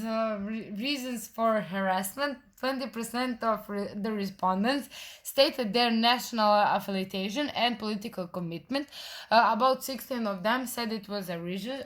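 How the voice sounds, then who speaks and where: A woman from Serbia gives a prepared research presentation in a slightly high voice. She halts often on "uh" and breaks off words to restart them. Her delivery is steady and explanatory. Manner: hesitant, frequent uh fillers and self-corrections.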